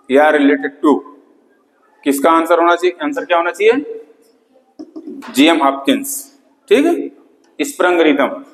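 A man teaching English literature lectures in a reverberant classroom with a board, his voice a little high. He switches between Hindi and English, repeating key terms and checking "theek hai" often.

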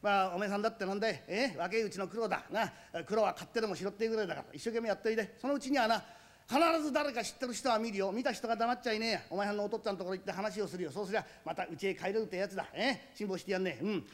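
A man playing a gruff but kindly middle-aged uncle with an Edo Tokyo accent, in rakugo storytelling, rough and scolding. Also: high voice, racing, natural voice. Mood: fatherly. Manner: rough scolding, then fatherly advice.

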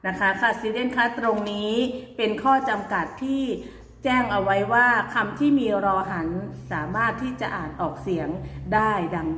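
Woman teacher, slow, deliberate delivery, crisp bright voice, echoey room. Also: fairly high pitch. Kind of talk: recorded classroom lesson.

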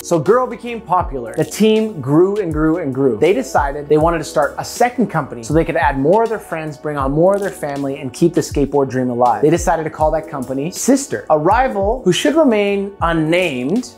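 A woman's voice: deep voice, animated, brisk, hardly any pauses, darkish tone, soft background music. A woman with a Canadian accent hosting a playful, jokey scripted list narration. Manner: playful, jokey, laughs at own slips. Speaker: host.

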